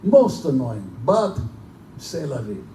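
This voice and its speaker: This is a distant, echoey, noisy recording of a live horror play in a bookstore, where a man plays a genteel general who hunts men for sport. His mid-range, mellow voice is slow and very animated, carrying an urbane, bored, pompous, and condescending air.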